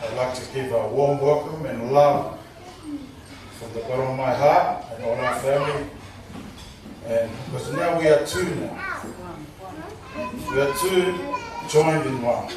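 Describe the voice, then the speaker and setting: A man giving a halting, joking welcome speech at a wedding, out of breath and losing his train of thought. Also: medium pitch. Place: wedding reception hall. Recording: echoey hall, distant mic, noisy.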